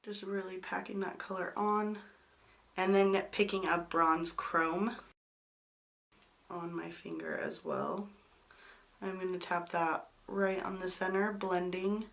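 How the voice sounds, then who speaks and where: Sick-voiced woman with a bright low voice. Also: level tone, slow pace, creaky, long pauses. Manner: casual step-by-step talk with many "I'm gonna". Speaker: beauty vlogger. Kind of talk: makeup tutorial voice-over and chat.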